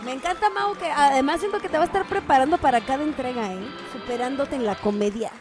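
A woman's voice: high voice, fast, music in the background. A woman hosting a radio show, chatting playfully with child callers in a bubbly, teasing and affectionate way. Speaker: radio host.

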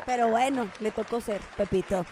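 A woman's voice: fairly high pitch, moderate pace, a crowd in the background, background noise. A woman hosting a radio show, chatting playfully with child callers in a bubbly, teasing and affectionate way. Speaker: radio host.

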